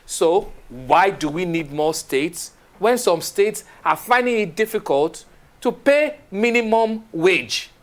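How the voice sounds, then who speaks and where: A Nigerian man hosting a studio discussion on a morning TV show, asking questions with animated, halting restarts. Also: sits high.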